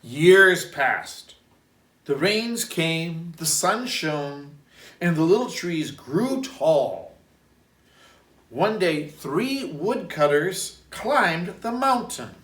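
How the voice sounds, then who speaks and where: A man, a priest, reading a children's story aloud in an expressive, deliberate way and adding reflective asides. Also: a little high. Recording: roomy echo, distant microphone.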